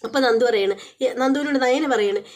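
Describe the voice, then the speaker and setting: A young woman rattles through a serial episode recap at a brisk clip, her voice sitting high. She tells it like casual chat with a friend, leaning on filler words and correcting herself mid-sentence. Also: a little mellow. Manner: chatty retelling, repeats filler words, quick self-corrections. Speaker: serial review channel host.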